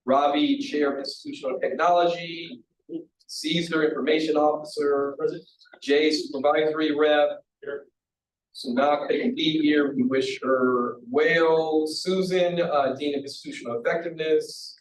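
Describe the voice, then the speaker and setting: A man's voice: on the high side, unhurried. Man chairing a meeting in an echoey room. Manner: relaxed, joking asides. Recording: echoey room from far off, faint hiss.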